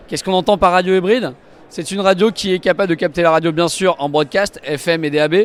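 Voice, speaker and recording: Representing the maker, a man with a rather high voice gives a live walk-through product demo to camera at a trade show, eagerly explaining each feature. The demonstration happens at the trade show stand and inside a car.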